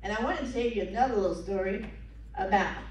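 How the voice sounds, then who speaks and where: A woman's voice: medium pitch, a little mellow. Breathless older Southern woman, echoey distant room. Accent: Southern American. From southern United States. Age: 70s or older. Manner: folksy, unhurried, with pauses and acted-out quotes. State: short of breath. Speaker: guest speaker at a local history talk. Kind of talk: informal reminiscing storytelling to an audience. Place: meeting room with seated audience, phone camera from the audience. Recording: echoey, noisy room recorded from afar.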